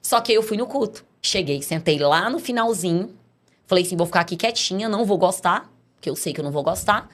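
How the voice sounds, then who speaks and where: Speaking very casually, a middle-aged woman from Brazil shares her testimony on a podcast, performing the voices of the characters in her story. She has a Brazilian Portuguese accent and a lowish, expressive voice at a quick pace.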